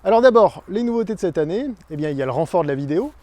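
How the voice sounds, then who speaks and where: A man with a fairly high, soft-edged voice presents a company's yearly review. He sounds conversational, often pausing on small hesitations. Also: expressive, no room sound. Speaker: communications agency presenter. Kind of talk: corporate year-in-review presentation.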